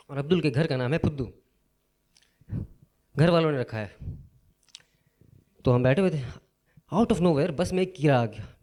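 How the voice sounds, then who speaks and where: A young man doing stand-up on a live comedy stage. His voice sits mellow and warm at a middle pitch, and he tells his story in a loose, animated way, switching into the voices of the people in it. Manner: casual, animated, acts out characters' lines.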